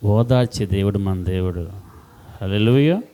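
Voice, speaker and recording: A man preaching a sermon as pastor, impassioned and repetitive, swinging between loud outbursts and hushed words. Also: fairly low pitch, unhurried.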